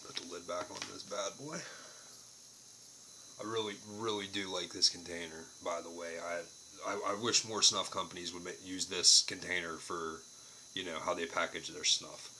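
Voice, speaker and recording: A man's voice: low voice, steady tone, moderate pace, bright, forceful tone, a little hiss or hum, poor audio. A man giving a casual, unscripted product review to camera, plain-spoken and casually profane.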